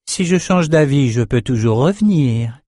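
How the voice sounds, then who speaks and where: A man's voice: medium pitch, expressive, a little slow, warm tone, dry recording, pitched above the performer's own voice. A merciless sorceress, voiced by a male audiobook narrator, taunts in a raised, cutting tone. The sound is dry and close. She sounds cold and utterly in control. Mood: mocking. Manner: taunting, icy threats. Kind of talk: audiobook character voice.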